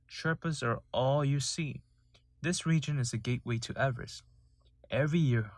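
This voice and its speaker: A man's voice: mid-range voice, no echo. A young man from Nepal hosting a solo podcast, telling his story in an earnest, sometimes indignant way. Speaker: podcast host.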